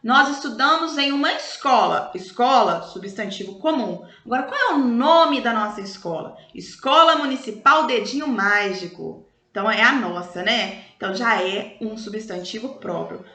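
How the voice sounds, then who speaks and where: A Brazilian woman teaching schoolchildren in a recorded review lesson, explaining slowly and stretching out example words in a sing-song way. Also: a little high, expressive, sharp tone. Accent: Brazilian Portuguese. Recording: echoey room.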